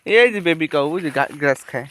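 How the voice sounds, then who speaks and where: A young woman, a mother, chatting gently and coaxingly with her small child while filming on a walk outdoors. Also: low-pitched, animated, fairly quick, heavy background noise. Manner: gentle, coaxing, speaks softly to a toddler. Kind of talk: casual chat with a small child.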